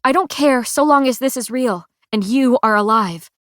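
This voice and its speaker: A woman's voice: fairly high pitch, moderate pace, no room sound, studio quality, voice pushed up, natural voice. A woman reading the lines of a tearful young woman fighter in a cracked, emphatic voice.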